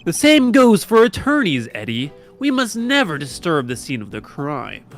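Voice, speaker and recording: A man voicing a deadpan, sarcastic investigator. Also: a little high, normal speed, soft background music, heavily acted. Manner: deadpan, mocking, teasing. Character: dry, sarcastic young male lead investigator. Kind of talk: improvised comedic fan dub.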